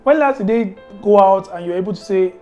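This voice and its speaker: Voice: mid-range voice, brisk, lo-fi sound, faint music behind. A podcast host giving faith-based marriage advice, emphatic, repeating key words and firing off strings of rhetorical questions.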